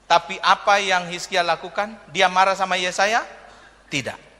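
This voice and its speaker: A man's voice: high-pitched, steady tone, moderate pace, sharp tone. A man, a pastor, preaching a humorous sermon, telling jokes and stories and acting out the people in them. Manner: joking, storytelling, acts out characters in quotes. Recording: long reverb of a hall.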